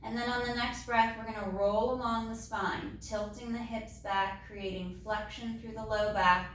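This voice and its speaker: A woman leading a Pilates mat class, calmly cueing each movement step by step. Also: medium pitch, a little hiss or hum. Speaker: Pilates instructor. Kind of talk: guided exercise class. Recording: very echoey room, mic far off.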